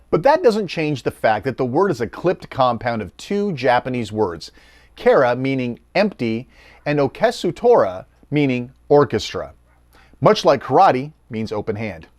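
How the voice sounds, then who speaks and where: Lively, wry middle-aged male narrator. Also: medium pitch, no echo, studio quality. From United States. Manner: wry, storytelling. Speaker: documentary narrator. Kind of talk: scripted documentary narration.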